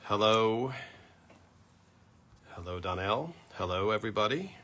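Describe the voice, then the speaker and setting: A man's voice: fairly low pitch, animated, a little slow, fairly bright tone. A man hosting a casual live-stream chat for fans, greeting viewers by name with lots of fillers, into a plugged-in microphone. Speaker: host of a live fan stream.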